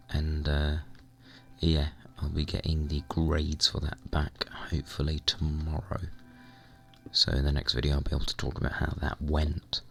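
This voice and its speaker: A young man with a hoarse, croaky voice, chatting casually and rambling while playing a computer game. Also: a bass voice, bright, forceful tone. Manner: rambling, chatty, mild swearing. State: hoarse, recovering lost voice. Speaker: gaming vlogger. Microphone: desk microphone at computer.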